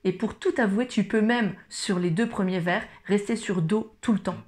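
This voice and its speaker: A woman's voice: medium pitch, moderate pace, darkish tone. A woman who teaches school explains guitar chords step by step, speaking informally and patiently to the viewer. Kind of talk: guitar tutorial. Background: acoustic guitar playing.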